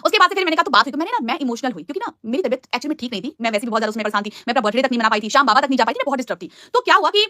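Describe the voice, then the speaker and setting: A young woman pours out a heated live-stream rant at a breakneck pace. Her voice sits high and sounds sharp and bright. The sound is dry and close, with no room around it. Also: sing-song, dry recording. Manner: fast, angry and scolding, with much mocking.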